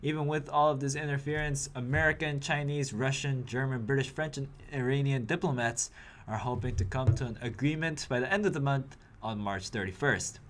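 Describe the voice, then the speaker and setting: A man's voice: mid-range voice, brisk, slight background noise. Wry young male news anchor. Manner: editorial, wry commentary. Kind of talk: news report with personal asides.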